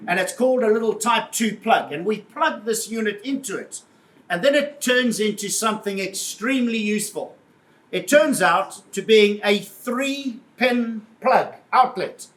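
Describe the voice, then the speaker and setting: Man with a high voice, jovial live car presenter, recorded from a distance in an echoey room. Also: fairly bright tone. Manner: jovial, addresses the crowd as folks, jokes with the audience. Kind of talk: live product presentation to an audience. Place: showroom or event space. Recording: echoey room, voice heard from far off, faint ambience.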